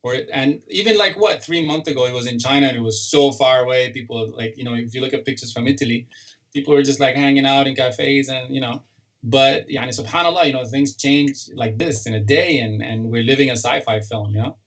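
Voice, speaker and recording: A Sudanese man, a political cartoonist and father, chats casually in an interview, speaking haltingly with lots of restarts and fillers. His voice sits at a medium pitch, and the recording quality is low.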